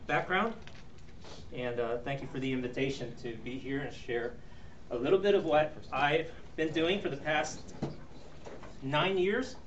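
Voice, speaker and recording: A man's voice: a little high, a little slow. A middle-aged man, born in Taiwan and raised in the U.S., gives an earnest presentation to a church audience, with many ums and restarts. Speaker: ministry leader and speaker. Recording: roomy, distant, dull recording with faint noise.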